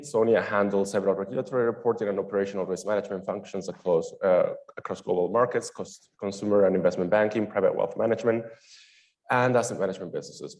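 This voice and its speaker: A young man with a lowish voice moderates a conference panel, reading guest introductions in a chatty, lively manner punctuated by small laughs.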